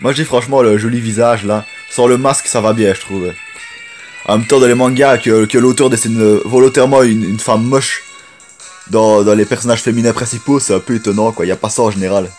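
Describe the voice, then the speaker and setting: Chatty gaming host. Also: male voice, fairly low pitch, steady tone, brisk, a little mellow, soft background music. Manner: rambling, chatty, frequent restarts. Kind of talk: casual gameplay commentary.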